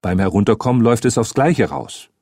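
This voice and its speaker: A man voicing a calm, dryly teasing adult male detective in an audiobook, with an even, wry delivery. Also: on the low side, a little fast, no room sound, clean studio sound. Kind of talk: audiobook character reading.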